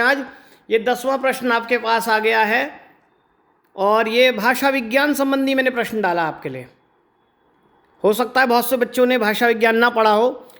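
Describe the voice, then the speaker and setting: A Hindi teacher with a very high-pitched, slightly bright voice gives an exam-prep lecture. He works through the material step by step, often checking in with rhetorical questions, and draws words out slowly to show how they're pronounced.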